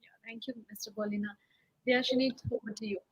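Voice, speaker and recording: A woman's voice: fairly high pitch, fairly even intonation, fast, husky, low-quality recording. A woman, moderating an interview in a polite, hesitant way.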